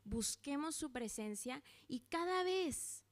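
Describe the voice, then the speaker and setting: A woman delivers a sermon, her voice sitting a bit high. She speaks in an animated, conversational way and acts out the little quoted voices. She sounds to be in her thirties. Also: slow. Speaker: preacher.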